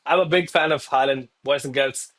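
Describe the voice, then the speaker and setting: A man's fairly bright, mid-range voice stays steady at a moderate pace as he livestreams casual trading commentary. His style is hyped and bro-heavy like a gym bro, and he speaks to viewers informally as bro, man and guys.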